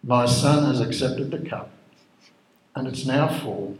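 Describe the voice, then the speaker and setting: Solemn, quiet God the Father, read by a man. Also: medium pitch, slow pace, recorded from a distance, close to an everyday voice. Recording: roomy echo.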